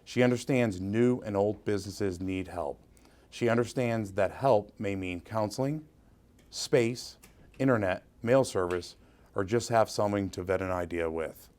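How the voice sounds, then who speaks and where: A man reading a prepared tribute to introduce an award honoree, in a steady, earnest manner. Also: fairly low pitch, unhurried. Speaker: award presenter.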